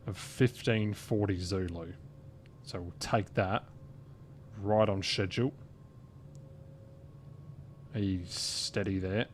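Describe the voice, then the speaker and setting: A man giving casual, relaxed live commentary while he plays a flight simulator. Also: takes it slowly, long pauses. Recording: low game engine rumble behind voice.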